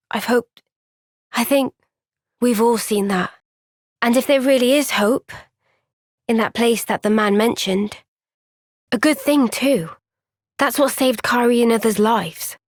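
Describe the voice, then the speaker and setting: Voicing a cutscene for a fantasy video game, a young female soldier sounds earnest, sincere, and reflective, her fairly high voice gentle and unhurried with thoughtful pauses. The audio is clean and completely dry, with no surrounding room.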